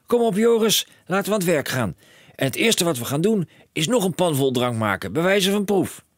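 A man voicing an excitable middle-aged father who shouts his overexcited plans in a children's audiobook. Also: fairly high pitch, moderate pace, no room sound, studio quality, pitched above the performer's own voice. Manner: shouting, breathless overexcited rants. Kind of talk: audiobook character voice.

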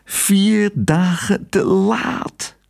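A man's voice: on the high side, wildly swooping pitch, moderate pace, husky, pitched above the performer's own voice, heavily acted. An anxious sailor father, urgent and agitated, his voice lifted well above an ordinary speaking level. A man puts him on while reading a storybook aloud. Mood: worried. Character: anxious, impatient adult male sailor father.

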